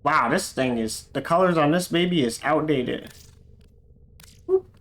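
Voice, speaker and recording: A man's voice: fairly high pitch, unhurried, fairly bright tone. A young man livestreaming gameplay, rambling casually, correcting himself mid-sentence and swearing now and then. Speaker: livestreamer playing a video game.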